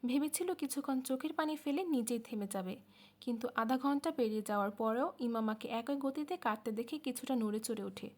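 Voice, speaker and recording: A woman narrating an audiobook novel in a steady storytelling manner. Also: on the high side, a little fast. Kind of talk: scripted narration.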